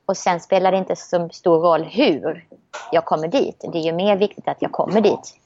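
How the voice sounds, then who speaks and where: A woman's voice: on the low side, steady tone, darkish tone, slight background noise. A woman talks in a reflective, optimistic way, often restarting her thoughts. The recording sounds a bit dull. She speaks as a guest in a casual conversation.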